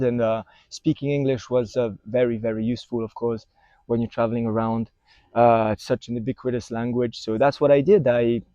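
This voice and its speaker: A vlogger from France, in his twenties, gives a casual, halting talk to camera in an outdoor city park, with a French accent and frequent fillers and restarts. He has a dark, mid-range voice. Recorded to a phone via a wireless clip-on mic, the sound is dry with the highs cut off.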